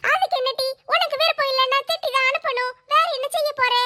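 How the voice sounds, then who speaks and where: A woman's voice: very high-pitched, quick pace, pushed and bright. A woman voicing a bold, bossy older sister who scolds and reassures in a brash way.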